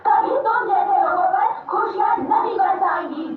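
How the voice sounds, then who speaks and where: A woman's voice: very high voice, unhurried, noisy background. A woman acting as the vengeful spirit of unborn daughters, declaiming in an accusing, tearful manner, recorded far from the mic in an echoey room. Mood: reproachful. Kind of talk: amateur drama acting. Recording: echoey room from far off, tinny phone-like sound.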